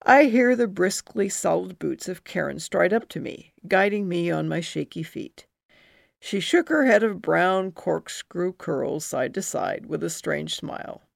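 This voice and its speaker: Middle-aged woman, memoir reader: heavy vocal fry, lively low voice, unhurried, dry close sound. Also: dry recording. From New Jersey. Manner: slow and expressive, swinging into high bursts for remembered feelings. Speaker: memoir narrator. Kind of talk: first-person memoir reading.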